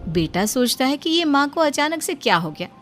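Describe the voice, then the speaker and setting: A woman narrates a cartoon story in a scripted, wry way. Her voice sits a little higher than average. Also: big pitch swings, normal speed, faint music behind.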